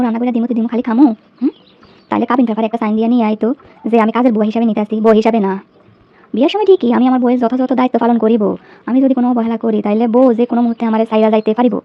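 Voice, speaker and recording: A high-voiced, aggrieved young Bangladeshi wife played by a woman nags and bickers at her husband in a domestic comedy skit. She talks quickly, piling up sarcastic questions and complaints. The sound is dull and lo-fi. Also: dry recording, lightly acted. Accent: Bangladeshi colloquial. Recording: dull, lo-fi dry recording.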